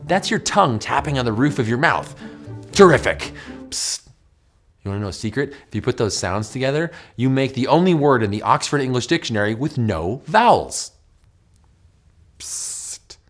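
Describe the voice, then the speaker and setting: Animated American man hosting a science explainer. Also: mid-range voice, a little fast, faint music behind. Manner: animated, emphatic, demonstrating mouth sounds. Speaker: host of an educational science show. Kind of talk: scripted explainer to camera, conversational. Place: small furnished indoor studio with bookshelf.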